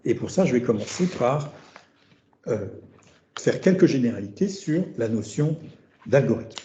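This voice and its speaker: Very dark-voiced man lecturing, roomy. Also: mid-range voice, lively intonation, measured pace, slight background noise. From France. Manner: thinking aloud, repeating words and tagging phrases with "hein". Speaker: researcher giving a seminar lecture. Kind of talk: academic lecture. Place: seminar room. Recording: roomy, dull lecture-room recording.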